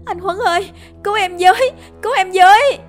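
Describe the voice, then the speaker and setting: A heartbroken young mother in a ghost-story audiobook, voiced by a woman, whose voice lifts high and tearful when she calls out and sinks to a hushed murmur when she prays. Faint music plays underneath. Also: a little fast. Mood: terrified. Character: grieving young mother haunted by her dead son.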